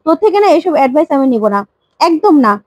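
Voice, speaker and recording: A woman's voice: high-pitched, big pitch swings, fast talker, a little mellow, no echo. A woman voicing a defensive middle-aged mother who brushes off criticism curtly, in a retold serial story. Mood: dismissive. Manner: dismissive, curt.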